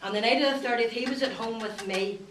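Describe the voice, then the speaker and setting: A woman's voice: on the high side, quick pace, lightly acted. A woman playing an indignant, doting mother in a comic courtroom sketch, rambling in a folksy, protesting way. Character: indignant, doting working-class mother as defence witness. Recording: distant echoey room with faint noise.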